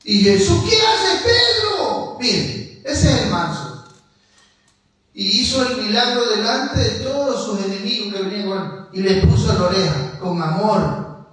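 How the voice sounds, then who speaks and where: A man with a high voice delivers an emphatic sermon and has the congregation repeat his phrases. He sounds distant from the microphone, and his voice rings through a very echoey church hall. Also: animated, a little slow, a bit bright. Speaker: preacher.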